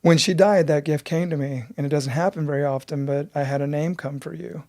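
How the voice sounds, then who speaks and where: A man voicing a gentle, motherly older woman spiritual teacher as he retells a story. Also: fairly high pitch, steady tone, a little fast, close to an everyday voice.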